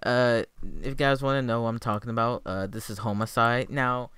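A young man talking like a frat bro, slangy and hyped, giving excited casual reaction commentary. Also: medium pitch, brisk, clear, resonant tone, dry recording. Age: young adult. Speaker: music reaction video maker.

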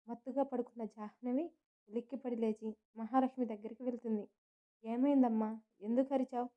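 A woman storyteller narrating a scripted family drama in an even, unhurried manner. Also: fairly high pitch, narrow, tinny audio.

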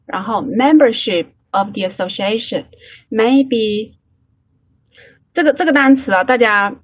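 Study-group leader, woman, slightly breathy, drills phrases slowly, thin online-call sound. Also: a little high. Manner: repeats phrases slowly for drilling, stammers on restarts. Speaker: English class leader. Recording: phone-like online call audio.

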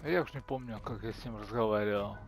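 A man's voice: fairly low pitch, quick pace, gravelly, soft background music. A man gaming on a let's play, reading subtitles aloud between his own remarks. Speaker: gamer playing and translating on the go.

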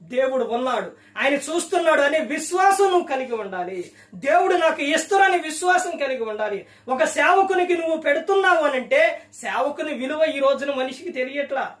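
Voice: high voice, expressive, a little fast, a bit bright, roomy sound, recorded from a distance. A preacher giving a sermon, firing rhetorical questions at the listener.

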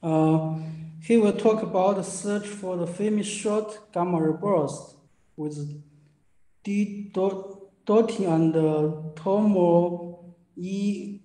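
A man chairs a video-call session, introducing speakers in slow, halting phrases. His voice is high yet mellow. The audio carries a roomy echo. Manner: slow, halting, brief acknowledgements.

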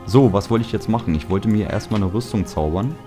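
A man's voice: lowish voice, a little fast. A young German man giving casual, chatty let's-play commentary, grumbling and joking at himself as he sorts items and chops wood. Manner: chatty, self-mocking, grumbling asides. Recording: background music under voice.

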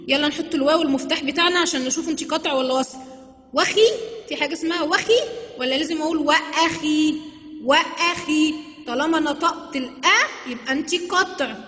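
A woman teacher with an Egyptian accent explains a grammar lesson and stretches and repeats words slowly to demonstrate them. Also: high-pitched, a bit bright. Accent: Egyptian Arabic. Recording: long reverb, roomy sound.

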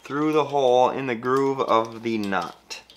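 Inside his home garage workshop, a man in his thirties casually explains for his vlog how to put a trailer together step by step. His mid-range voice is unhurried and competes with loud music, and the garage recording is noisy.

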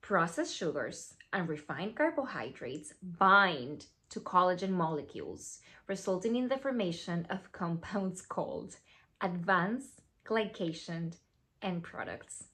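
A skincare founder in her thirties, Venezuelan and a native Spanish speaker with a Venezuelan Spanish accent, gives a playful scripted talk to camera. Her lowish voice moves a little slowly, and she shifts between animated delivery and whispered asides. The setting is a plain studio backdrop indoors.

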